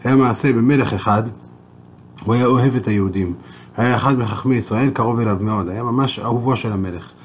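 A man teaching a Torah lesson, explaining and telling a story in a steady way. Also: mid-range voice, slight background noise.

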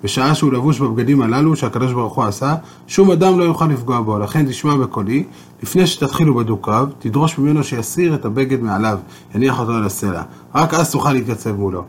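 A man's voice: mid-range voice, slight background noise, close to an everyday voice. A man as Jacob, an earnest adviser. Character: serious, knowing brother Jacob.

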